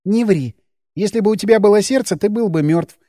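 Give me a man playing a cocky teen girl fighter, sardonic and cold, in a higher dry voice. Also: fairly quick, dark tone, dry recording, lightly acted. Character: teenage girl, sharp-tongued vengeful fighter. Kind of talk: audiobook character voice.

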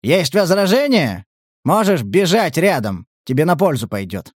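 A man voicing a gruff, foul-mouthed mercenary commander who gives curt orders. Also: fairly high pitch, big pitch swings, a little slow, dry recording, clean studio sound, voice pushed up. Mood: curt commanding.

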